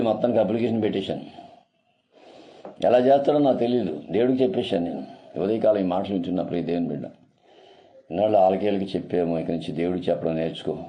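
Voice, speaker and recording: A man's voice: on the low side, dark tone. A man preaching a sermon as a pastor, emphatic and repeating his phrases for weight.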